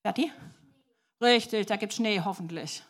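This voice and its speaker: A woman preacher telling a story to children in a lively way and asking the audience questions. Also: medium pitch, a little slow, husky.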